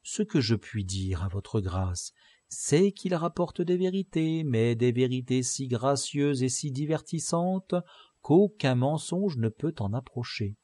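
A man's voice: medium pitch, expressive, takes it slowly, mellow, slightly rough, dry recording, voice pushed up. A man voicing a proud, sly male convict who answers in a glib, mock-polite way. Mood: boastful.

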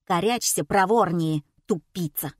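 A woman's voice: fairly low pitch, unhurried, dry recording, clean studio sound. A woman voicing a rude, scornful female magician's assistant who snaps insults. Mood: snapping. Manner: snapping, insulting.

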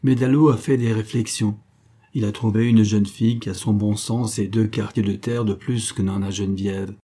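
A man voicing a grieving old male country doctor who tells a sad story in a measured way. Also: lowish voice, steady tone, dark tone, natural voice. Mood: sorrowful.

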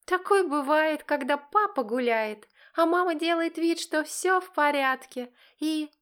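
A woman's voice: sits high, a little slow, fairly bright tone, voice pushed up. A woman reading an audiobook, voicing a brazen, venomous teenage girl with sarcastic defiance. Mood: mocking. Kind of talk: audiobook character voice.

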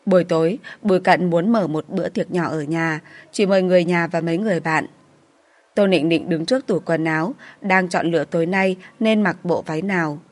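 Female audiobook narrator, lower register, steady romance storytelling. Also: brisk.

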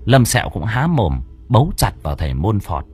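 A man's voice: lowish voice, sing-song, a little fast, a little mellow, faint music behind. A man narrating a folk ghost story for an audio book, telling it dramatically.

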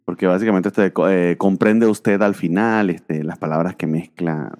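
A man talks through old comic issues on a casual podcast, circling back with fillers as he thinks. His voice sits very low. A long reverb trails behind every line. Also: steady tone, normal speed, darkish tone. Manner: rambling, many fillers like "este" and "eh". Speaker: podcast co-host.

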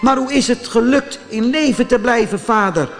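A man voicing a young wooden puppet boy in a storybook reading, with high pleading cries. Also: normal speed, faint music behind. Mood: overjoyed.

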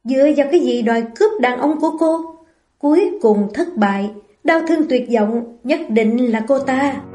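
A jealous young schemer from an audiobook novel, gloating over a rival, read by a woman. The tone is mellow and set a little high. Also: expressive, moderate pace, echoey room. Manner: gloating, spiteful.

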